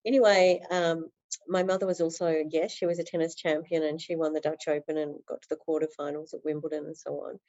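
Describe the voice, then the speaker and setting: A woman's voice: low-pitched, flat delivery, a little fast, darkish tone, dull audio. A woman talking earnestly as a podcast guest in a flowing interview, with many fillers. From Australia. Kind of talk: interview conversation.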